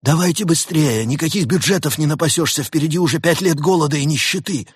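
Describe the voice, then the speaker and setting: Deep-voiced male reader as an impatient penny-pinching chief, husky and bossy, storybook. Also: normal speed, fairly bright tone, no room sound, studio quality. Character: stern stingy male boss on a costly call.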